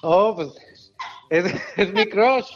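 A man's voice: high-pitched, extremely slow, no room sound. A man on the phone as a radio caller, shy and giving short answers. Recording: noisy phone call.

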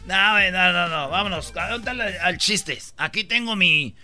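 A man with a Mexican accent hosting a comic parody sketch, playful and exaggerated, often shouting. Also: high voice, a little slow, faint music behind. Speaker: comedy show host.

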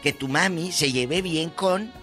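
A man's voice: a little high, a little slow, bright, forceful tone, faint music behind. A man with a Mexican accent hosting a radio talk show, flamboyant and playful with a big theatrical voice. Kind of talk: casual radio chat.

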